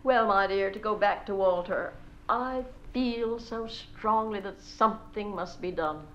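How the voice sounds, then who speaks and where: In a solo stage character monologue on a dull old recording, a woman plays a gossipy, bossy society mother, gushing to friends and scolding her children between sentences. Her mid-range voice is unhurried and a bit bright, close to an everyday voice.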